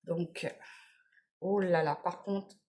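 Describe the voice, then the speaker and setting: A woman's voice: lowish voice, steady tone, slow pace, a little mellow, a little hiss or hum. A middle-aged woman chatting casually through a morning makeup vlog, tired and rambling, often trailing off and getting back on track. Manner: rambling, chatty, full of "voilà" and "bon, bref". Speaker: beauty vlogger. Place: at home in the morning.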